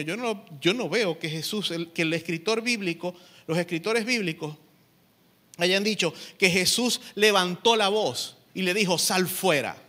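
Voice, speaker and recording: A man delivers a Sunday sermon as pastor. His voice sits high and sounds bright and forceful. He preaches conversationally, pausing to ask whether his listeners understand. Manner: conversational preaching, often checks the congregation understands.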